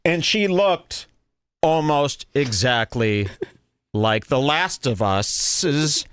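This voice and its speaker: A man's voice: fairly high pitch, animated, drawn-out words, a bit bright, smooth. A man hosting a podcast, telling a comedic story in an exaggerated, indignant way. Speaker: podcast host.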